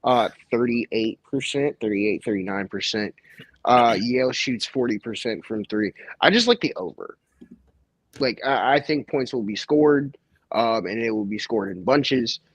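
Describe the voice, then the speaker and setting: A man's voice: medium pitch, lively intonation, measured pace, slightly rough, no room sound. A man giving sports betting picks in casual chat, swearing freely and poking fun at himself. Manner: profane, self-mocking banter. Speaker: co-host.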